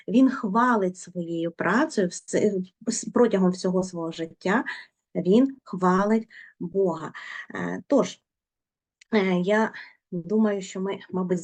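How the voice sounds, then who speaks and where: A woman leads a literature class at an even, middling pitch. She keeps prompting her students with questions and coaxes them toward answers. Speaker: teacher. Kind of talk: literature lesson.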